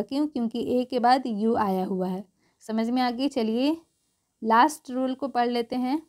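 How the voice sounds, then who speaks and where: A woman teaches English pronunciation, her voice sitting a little high. She stretches out each spelled letter and keeps checking in with the learner through rhetorical questions and a steady stream of "okay". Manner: slow, drawn-out spelling of letters. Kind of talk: explaining pronunciation rules.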